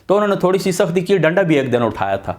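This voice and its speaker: Earnest middle-aged man telling stories. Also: high voice. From Pakistan, Attock area. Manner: earnest, animated storyteller who swears oaths to his truthfulness. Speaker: Islamic religious scholar. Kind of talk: casual storytelling talk.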